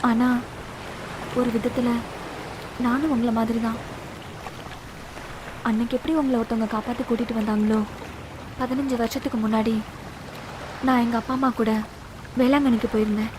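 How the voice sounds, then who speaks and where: A woman's voice: on the high side, fairly even intonation, moderate pace, pauses often, background noise, lightly acted. An actress playing an earnest young woman who grew up with her brother, speaking in heartfelt, pleading film dialogue. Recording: film audio with loud music. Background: loud background music.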